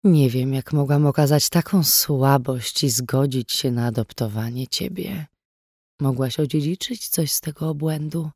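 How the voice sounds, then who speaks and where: A woman voicing a cruel, contemptuous adoptive mother in an audiobook, cold and quick to shriek. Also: slightly rough, no echo, studio quality, exaggerated voice. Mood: cold menace. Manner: cold, contemptuous, bursts into shrill shouting.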